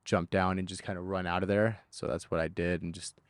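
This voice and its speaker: Low-voiced man giving a halting eyewitness account. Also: flat delivery, no room sound, studio quality. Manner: halting, repeats and restarts phrases, slangy. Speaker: eyewitness being interviewed. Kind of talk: casual interview account.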